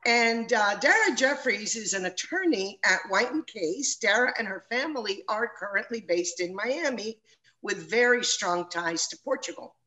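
A woman's voice: mid-range voice, animated, normal speed, pushed and bright, rough recording. A middle-aged woman moderating an interview over a video call from a room at home, speaking in an earnest and personal way.

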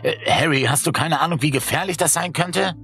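A man's voice: deep voice, animated, normal speed, a bit bright, faint music behind. A man voicing a nervous teenage boy who hesitates and stammers. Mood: anxious. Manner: hesitant, stammering, many fillers.

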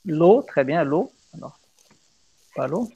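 Un homme, professeur, donne un cours de poésie française en visioconférence, patient et guidant ses élèves. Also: male voice, fairly high pitch, expressive, takes it slowly, vocal fry, mellow, husky, highs cut off. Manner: patient, guiding, repeats praise. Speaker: teacher. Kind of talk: online French poetry lesson.

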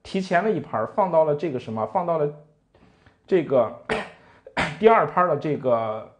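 Man teaching piano lively, animated speech. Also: fairly high pitch, moderate pace. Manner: counts beats aloud, asks frequent rhetorical tag questions. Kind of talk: music lesson with counting and playing. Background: piano playing.

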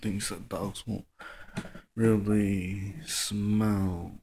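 A man talking to his phone camera at home in a rambling, mumbling casual monologue, halting with fillers. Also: lowish voice, flat delivery, gravelly, mellow, slight background noise. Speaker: vlogger. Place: at home indoors. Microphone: phone camera close up.

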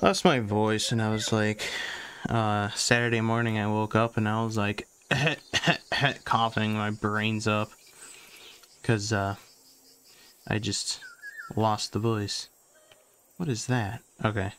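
A man's voice: fairly low pitch, level tone, slow, long pauses, a bit bright, clear, resonant tone. Rambling young man narrating his game. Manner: rambling, repeats words while playing. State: recovering from lost voice. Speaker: gaming channel host. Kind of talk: casual let's-play commentary.

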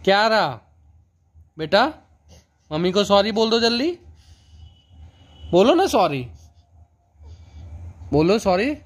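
A man's voice: sits high, very animated, takes it slowly, pauses often. Playful man coaxing a toddler. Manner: playful, coaxing a small child. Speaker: vlogger, father. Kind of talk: casual family vlog chat.

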